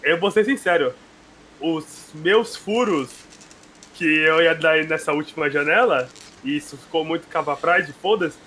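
High, bright excitable man arguing. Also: a little slow, slight background noise. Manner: excitable, repeats himself while arguing. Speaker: podcast co-host. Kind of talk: casual banter.

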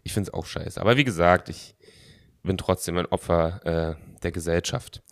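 Low lively guy cohosting a podcast, chatty, lots of ums and restarts, dry sound. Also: moderate pace, vocal fry, no room sound. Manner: animated, trailing restarts and filler words. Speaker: podcast co-host. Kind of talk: casual chat.

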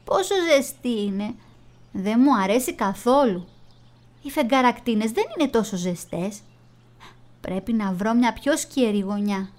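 A woman's voice: fairly high pitch, darkish tone, close to an everyday voice. A woman voicing a curious little male bat who is dazzled by daylight, in a fretful, plaintive voice. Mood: distressed.

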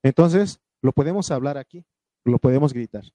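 Male preacher, warm voice in a dry room; fervent sermon delivery, calls on the congregation, reads scripture loud and slow. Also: mid-range voice, dry recording. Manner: fervent, calls out questions to the congregation, punctuated with amen; reads scripture aloud in a raised, drawn-out voice.

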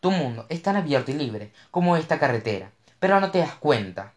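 A man's voice: a little high, big pitch swings, a little fast, a little mellow, voice pushed up. A narrator voicing a rich young male actor who talks in a cocky, teasing way. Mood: teasing, blunt. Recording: roomy echo.

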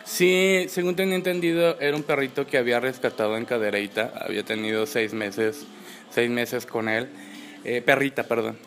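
A man's voice: mid-range voice, normal speed, a bit bright, soft background music. A man with a Mexican accent co-hosting a casual chat, speaking informally and searching for his words. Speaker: podcast co-host.

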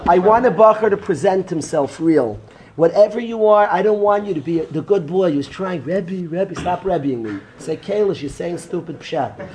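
A man, teaching an informal Torah class and joking students he calls by name. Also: a little high. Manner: animated, joking, talks straight to students by name. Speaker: rabbi teaching a yeshiva class.

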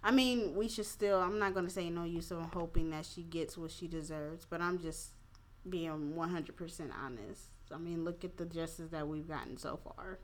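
A woman's voice: on the low side, moderate pace, a little hiss or hum. A slightly tipsy woman hosting a casual opinion talk, speaking candidly in slangy, profane, informal phrasing. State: a little tipsy. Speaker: podcast host.

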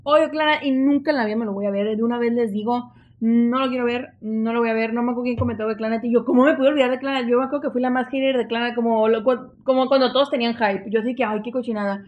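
A young adult woman with a Mexican Spanish accent, co-hosting a casual podcast chat and telling stories in a lively, chatty way. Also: a little high, quick pace, lo-fi sound. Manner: animated, chatty storytelling. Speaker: podcast co-host.

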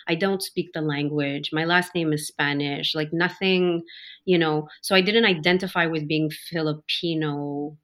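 A podcast guest and human design guide from Montreal, Canada, this woman has a low-sitting, fairly bright voice with fairly even intonation at a measured pace. She reflects in a casual interview, often saying um and correcting herself.

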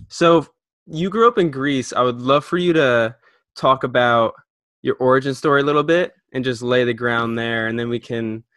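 A man hosts a casual podcast interview in a dry, close-sounding recording. He is upbeat and loose, stumbling into restarts, and his pitch sits in the middle of the usual range. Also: normal speed, a bit bright, dry recording. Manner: upbeat, with restarts and false starts. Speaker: podcast host.

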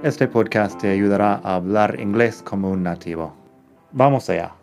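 A man hosting a learning podcast, speaking Spanish with as his language, calmly explaining and repeating example phrases. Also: on the low side, moderate pace, creaky, soft background music. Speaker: podcast host and English teacher. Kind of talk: casual podcast lesson.

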